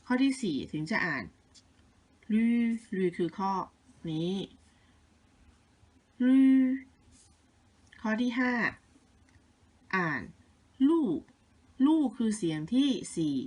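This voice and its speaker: A middle-aged woman teacher speaks at a very unhurried pace, saying each test word twice and drawing the sounds out so young pupils can catch them. Her tone is patient and motherly, and she sits at an everyday pitch for a woman. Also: animated. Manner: coaxing and motherly toward the children. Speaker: Chinese teacher for young children. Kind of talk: listening test dictation and answer review.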